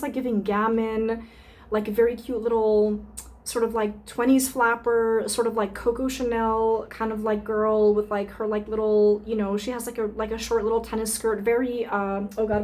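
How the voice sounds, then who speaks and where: Chatty, rambling woman vlogger, slightly high. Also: darkish tone. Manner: rambling, many fillers, swears freely, thinks aloud while sniffing samples. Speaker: burlesque performer reviewing perfume samples. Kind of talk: casual unscripted vlog chat.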